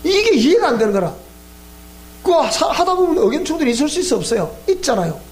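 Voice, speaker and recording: A man's voice: extremely high pitch, fast talker, slight background noise. A man with a Gyeongsang accent, a pastor giving a sermon lecture, telling stories with animation and asking his listeners questions. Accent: Gyeongsang Korean. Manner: animated storytelling, questioning the audience. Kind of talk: sermon lecture at a Bible school.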